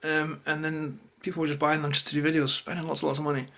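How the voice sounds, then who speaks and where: A Scottish man talks straight to camera in a notably high voice for a male speaker. He rambles through an unplanned, opinionated rant, sounding irritated and swearing freely as he goes. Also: monotone, fast, vocal fry, bright, forceful tone. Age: adult, parent of a toddler. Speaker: YouTuber. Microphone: camera held or placed close to him.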